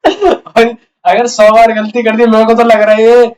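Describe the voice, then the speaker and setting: Mocking young man, high voice, off-mic. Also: completely flat delivery, darkish tone, recorded from a distance, rough recording. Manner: rapid, mocking, keeps saying "bhai". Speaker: reaction video host. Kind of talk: casual reaction commentary.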